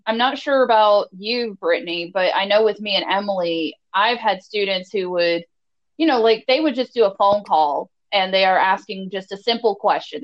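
A woman co-hosts a college talk show and chats loosely about calls from students. Her speech is full of "like" and "you know". The sound is a bit dull and muffled. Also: medium pitch. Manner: chatty, many "like" and "you know" fillers. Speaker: college staff co-host. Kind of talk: casual chat.

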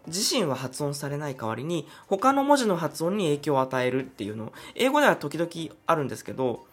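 A man's voice: a little high, big pitch swings, a little fast, husky, faint music behind. A man hosting a solo podcast, chatty and explaining things step by step. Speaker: podcast host.

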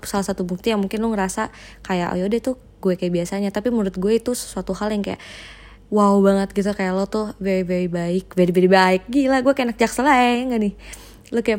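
Teenage female, Jakarta accent, lowish voice, flat intonation, casual slangy message, code-switching. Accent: Jakarta Indonesian. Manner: slangy, mixes English into Indonesian. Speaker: friend giving a birthday greeting. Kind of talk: casual personal video message.

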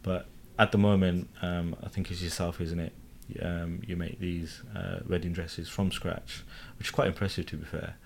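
Deep-voiced British male host. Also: little pitch movement, normal speed, creaky, hardly any pauses. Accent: British English. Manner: chatty, hedging with "kind of" and "you know". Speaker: podcast host. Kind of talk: casual interview chat.

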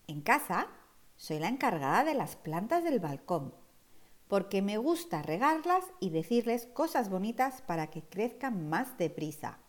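A woman voicing a cheerful, curious little girl in an expressive, wondering storybook read-aloud. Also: mid-range voice, measured pace.

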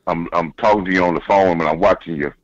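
Deep-voiced man over the phone. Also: steady tone. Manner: halting, repeats words while building a point. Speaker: caller, football coach. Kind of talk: casual sports chat. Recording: dull dry phone line.

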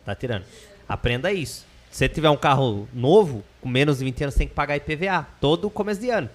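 A man's voice: a little high, lively intonation, quick pace. A man with a Brazilian Portuguese accent from the São Paulo interior, telling a casual, slangy, digressive anecdote as a podcast guest. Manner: colloquial, slangy, digressive storytelling.

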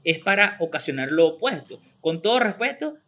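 A man's voice: fairly high pitch, big pitch swings, moderate pace, pushed and bright. A man, chatting casually as a podcast co-host, acting out quoted exchanges with lots of repeated fillers. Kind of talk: casual chat.

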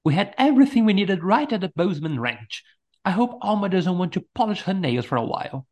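A narrator doing an eager, lively doctor. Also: male voice, high voice, fairly quick, pitched above the performer's own voice. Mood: enthusiastic. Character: eager older male doctor Keen.

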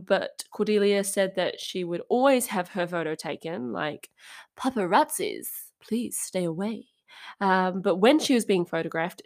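A young adult woman hosting a podcast, telling a true-crime story in a casual, chatty and wry way with frequent asides. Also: fairly low pitch. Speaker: podcast host.

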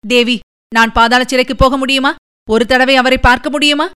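Pleading young noble girl, weepy and desperate, a woman reading her, high clear voice. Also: steady tone, normal speed, pushed and bright. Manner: tearful, pleading, emotional. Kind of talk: audiobook reading.

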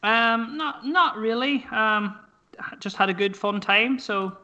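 A man's voice: sits high, fairly even intonation, takes it slowly, pushed and bright. A man with a Donegal Irish accent, chatting casually and swearing freely as a podcast guest.

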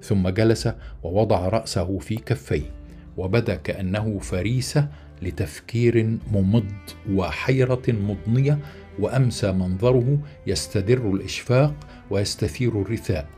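A man narrating a literary short story in a measured, formal way. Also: lowish voice, warm tone, faint music behind.

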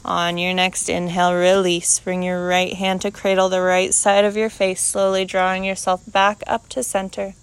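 Female yoga instructor, very clear smooth tone, even and calm delivery, unhurried short cues. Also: on the low side, no room sound. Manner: calm, unhurried cueing in short measured phrases. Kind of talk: guided yoga class instruction.

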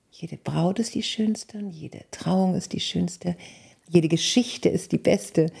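A woman, a wedding officiant, telling wedding anecdotes in a casual chat, acting out dialogue in a raised voice and dropping to whispers. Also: breathy edge. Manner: lively storyteller, acts out dialogue in a high voice, drops to whispers.

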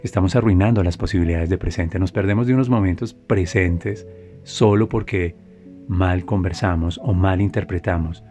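A man, telling a reflective story in a calm way and repeating phrases for emphasis. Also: low voice, moderate pace, faint music behind. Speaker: spiritual speaker.

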